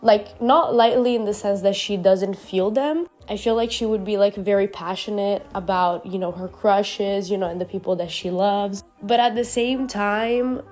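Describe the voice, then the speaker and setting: A woman's voice: medium pitch, moderate pace, hardly any pauses. A young woman with a nasal voice from a cold, chatting casually and swearing a lot in a voiceover about her art. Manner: candid, swears often, rambling and animated. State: sick, nasal voice. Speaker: YouTube artist narrating a speedpaint. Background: faint background music.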